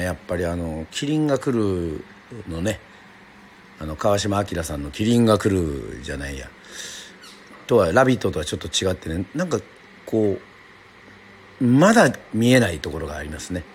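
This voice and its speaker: Hosting a laid-back live radio stream, a middle-aged man from Yoron Island, Japan, chats, pokes fun at himself and responds to listener comments. His voice is on the low side, and the recording carries a little hiss or hum.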